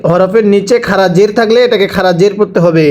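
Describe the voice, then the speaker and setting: A man teaching Quran reading, spelling out each letter and vowel mark and then repeating the word slowly for learners to follow. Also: high-pitched, steady tone, darkish tone. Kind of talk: slow drilled recitation lesson.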